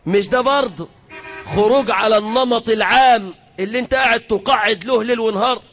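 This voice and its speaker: A man with an Egyptian accent preaching to a crowd, fiery, shouting out prayers and switching between everyday and formal speech. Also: very high-pitched, brisk, faint music behind. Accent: Egyptian Arabic.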